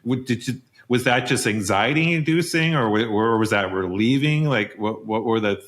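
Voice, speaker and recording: A man's voice: mid-range voice, moderate pace, fairly bright tone. A man hosting a podcast interview, playful and joking, asking long, rambling questions. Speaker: podcast host. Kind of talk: casual conversational interview.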